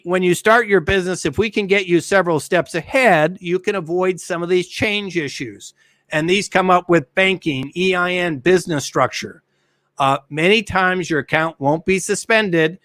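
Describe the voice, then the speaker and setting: A man's voice: fairly high pitch, a bit bright, no room sound. A middle-aged man presenting an online business seminar in an emphatic teaching manner, stressing key words and repeating them. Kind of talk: webinar business lesson.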